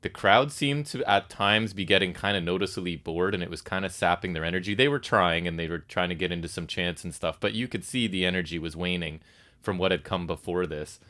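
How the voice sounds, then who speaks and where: A man co-hosting a wrestling recap podcast, giving his opinions with dry, deadpan sarcasm. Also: low voice, a little fast. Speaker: podcast co-host. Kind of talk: casual wrestling recap chat.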